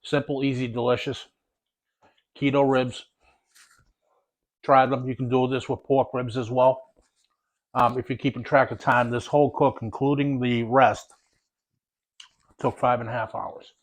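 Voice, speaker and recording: A BBQ cooking channel host with a mid-range voice talks unhurriedly, leaving long pauses, as he casually guides viewers through smoking and saucing ribs. When he tastes them, he stays relaxed and speaks with his mouth full.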